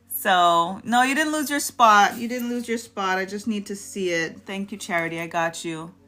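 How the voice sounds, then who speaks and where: A woman hosting a live-stream card reading, calling on viewers by name and giving soft, affirming spiritual messages. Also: mid-range voice, slight background noise.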